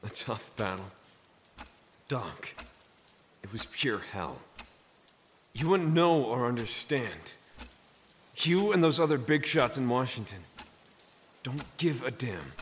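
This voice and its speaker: An actor playing a weary, bitter young soldier in an audio drama, tense and curt. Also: male voice, fairly low pitch, animated, slow pace, pauses often, bright, forceful tone, full character voice. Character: weary, bitter young male war veteran. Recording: reverberant room with faint noise.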